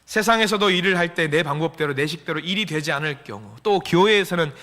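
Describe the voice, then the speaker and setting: A bright, high-pitched man preaching a lively Sunday sermon, his voice leaping up and down as he swings from shouted lines to near-whispers. He acts out the sighs and voices of the people he quotes. His voice rings with long reverb in a church hall. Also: quick pace. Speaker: pastor. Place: church sanctuary.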